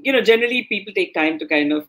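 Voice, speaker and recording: A woman's voice: medium pitch, expressive, very fast, a bit bright. A woman hosting an online interview forum, gushing and effusive with her guest. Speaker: forum host.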